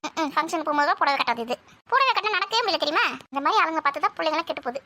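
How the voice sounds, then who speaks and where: A woman rattles through village family banter at breakneck speed. Her voice sits very high and bright, and she scolds and nags in quick back-and-forth exchanges with the others in the household. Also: lively intonation. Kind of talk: acted everyday family banter.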